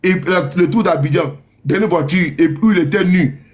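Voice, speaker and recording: A man's voice: high-pitched, normal speed. Mocking man ranting sarcastically. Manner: mocking, repetitive, laughs at his own sarcasm. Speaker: political commentator. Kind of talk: sarcastic political rant.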